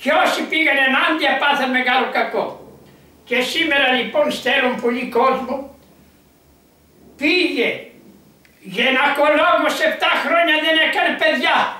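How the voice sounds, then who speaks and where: A monk, a man, telling a miracle tale in an animated, rambling way with lots of quoted dialogue. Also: very high voice, long pauses. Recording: echoey room from far off.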